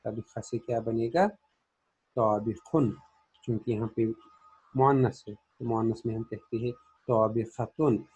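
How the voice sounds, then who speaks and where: Male language teacher, warm and slightly raspy, methodical question-and-answer drilling. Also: medium pitch, level tone, moderate pace, low-quality recording. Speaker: Arabic grammar teacher. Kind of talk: classroom grammar lesson.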